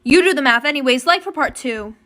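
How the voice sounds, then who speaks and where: A woman's voice: high-pitched, lively intonation, fairly quick, sharp tone. A woman retelling a personal story in a casual, chatty way, peppered with filler words. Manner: chatty, full of filler words like 'anyways' and 'like'. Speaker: storytime narrator.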